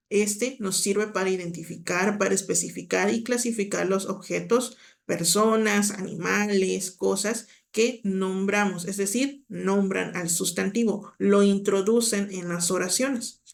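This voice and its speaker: A woman's voice: medium pitch, gravelly. A woman teaching an exam-prep grammar lesson, patiently explaining and talking directly to the student with checking questions.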